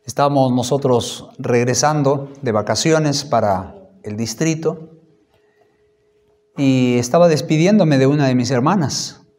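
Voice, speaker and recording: A pastor in his thirties giving a sermon testimony, telling his story with lively acted-out dialogue. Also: mid-range voice, a little slow. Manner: animated storytelling, acting out dialogue.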